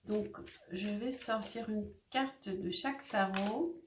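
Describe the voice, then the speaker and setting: A woman's voice: mid-range voice, slow pace, heavy background noise. A woman doing a casual tarot reading, talking hesitantly with lots of fillers and restarts. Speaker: tarot reader. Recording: echoey room.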